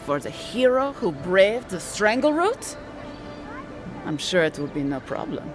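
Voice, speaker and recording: An actress playing a courteous, dramatic woman asking favours in a video game, with a deliberate way of talking. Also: medium pitch, big pitch swings, faint music behind. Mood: polite, persuasive. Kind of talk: video game dialogue acting.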